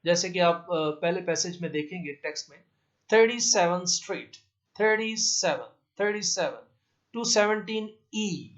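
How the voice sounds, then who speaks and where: Man teaching an English lesson, lo-fi. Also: a little high. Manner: explains slowly, repeats terms, switches to English examples. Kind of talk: classroom lesson explanation. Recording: dull lo-fi recording.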